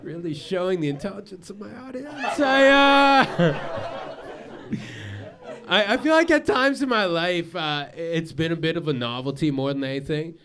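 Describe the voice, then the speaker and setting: A man from Egypt doing a stand-up comedy set, telling stories in an animated way. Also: high voice, normal speed. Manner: animated storytelling with laughter breaks. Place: live comedy stage before an audience. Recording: live show with crowd laughter. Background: audience laughter.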